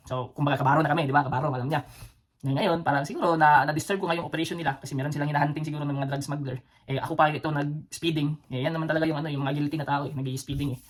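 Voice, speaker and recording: A man from the Philippines with a Cebuano accent, hosting a casual storytelling vlog. He rambles, with many fillers and restarts, and chuckles between phrases. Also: on the high side. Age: adult, former soldier with children. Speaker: vlog host.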